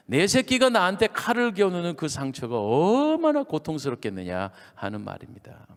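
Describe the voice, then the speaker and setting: Revival preacher, Chungcheong accent, fairly high voice, storytelling delivery. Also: male voice, big-room sound. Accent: Chungcheong Korean. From Chungcheong, Korea. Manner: animated storytelling, drops to hushed asides. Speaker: senior pastor. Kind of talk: revival sermon. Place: church sanctuary.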